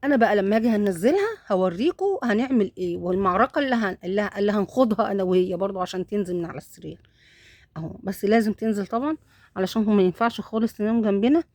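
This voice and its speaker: A woman's voice: medium pitch, expressive, rapid-fire, dry recording, clean studio sound. A woman with an Egyptian accent filming her cat at home on her phone and talking fondly to viewers in a casual vlog. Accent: Egyptian Arabic. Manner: talks softly and fondly to the cat and kittens. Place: home bedroom.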